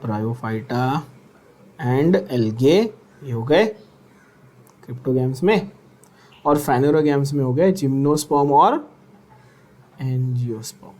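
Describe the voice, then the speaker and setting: A male teacher gives an exam-prep biology lesson. He talks at an unhurried pace, drills key terms and pauses to ask questions and have students repeat them. His voice sits at an ordinary pitch. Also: darkish tone.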